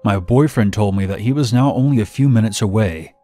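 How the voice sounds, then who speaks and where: Low-voiced man narrating a horror story. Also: brisk. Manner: steady first-person storytelling. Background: faint music.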